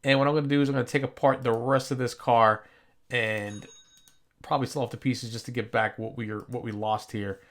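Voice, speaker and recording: A man's voice: mid-range voice, fairly even intonation, a little fast. A man hosting his gaming channel, casually talking through a car-building game and correcting himself as he goes. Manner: rambling, self-correcting.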